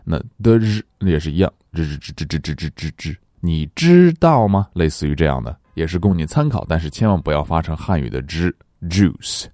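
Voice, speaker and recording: A man whose first language is Chinese, teaching English pronunciation and reading each word slowly twice for his students to repeat. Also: deep voice, sing-song, warm tone, no echo, studio quality. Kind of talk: language lesson, reading words slowly for repetition.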